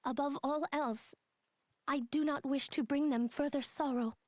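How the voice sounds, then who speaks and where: A woman's voice: sits high, steady tone, normal speed, a little mellow, no echo, close to an everyday voice. A woman voicing a guilt-ridden young female android in a video game, with a formal, robotic delivery. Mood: troubled. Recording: game audio with music behind. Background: game background music.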